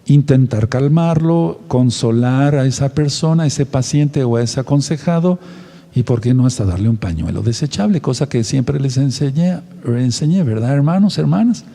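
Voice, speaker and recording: Man, pastor teaching, very dark mellow tone, long hall reverb. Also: mid-range voice, lively intonation, normal speed, creaky. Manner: didactic, repeats points and asks the audience questions. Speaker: pastor and counselor. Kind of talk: teaching sermon.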